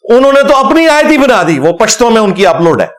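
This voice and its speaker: A man, an Islamic scholar, giving a religious lecture in an animated, scornful manner and reciting Arabic verses along the way. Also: very high-pitched, a crowd in the background.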